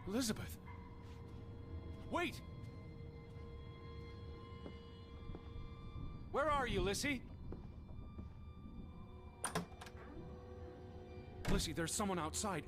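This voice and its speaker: An earnest, anxious brother searching for his lost sister, his voice rising and falling with great liveliness. This is video game dialogue with mounting desperation. Game music plays clearly behind him. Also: mid-range voice.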